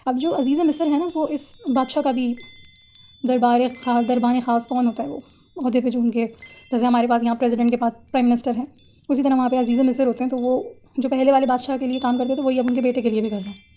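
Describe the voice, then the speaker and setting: Woman storyteller, high mellow voice, chatty retelling of a religious tale. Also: level tone, slight background noise. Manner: conversational, retells scenes in simple words with fillers. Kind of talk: casual narration of a religious story.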